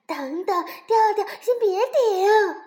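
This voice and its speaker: A woman voicing a sensible young rabbit in a storybook who is quick to get annoyed. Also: a little high, expressive, a little mellow.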